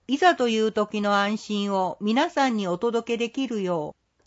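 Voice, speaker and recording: A woman reading a scripted community announcement in a polite, measured, formal way. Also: a little high, highs cut off. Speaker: care facility staff announcer.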